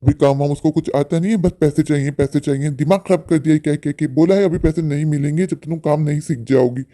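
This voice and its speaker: A man voicing an arrogant rich boss in a cartoon, who talks in a scornful, harsh way and shouts others down. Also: on the high side, fast talker, close to an everyday voice. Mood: contemptuous. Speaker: cartoon character.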